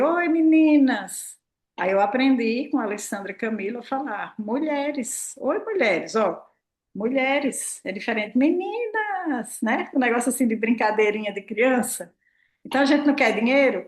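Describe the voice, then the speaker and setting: A woman, talking casually and expressively to her audience as a prosperity mentor, acting out her own remarks. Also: medium pitch. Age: 60s. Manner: chatty, expressive, acts out her own quotes, tag questions. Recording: roomy echo.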